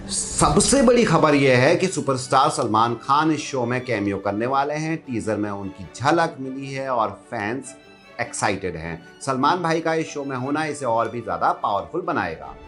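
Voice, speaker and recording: A man's voice: medium pitch, very animated, normal speed, fairly bright tone. Male entertainment news voice-over, faint music. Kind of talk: scripted entertainment narration.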